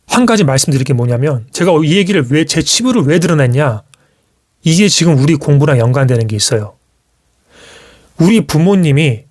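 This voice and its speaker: A man streaming live, telling a personal story to his viewers in casual speech with frequent restarts, acting out what others said. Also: fairly high pitch. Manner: animated storytelling, acts out quoted parents. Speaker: YouTuber.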